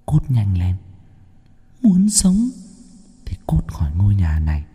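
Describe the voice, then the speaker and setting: A man voicing a cruel, scheming possessed young woman who speaks in a low hissing half-whisper in a horror story. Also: wildly swooping pitch, takes it slowly, warm tone, husky, big-room sound, exaggerated voice. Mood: sinister.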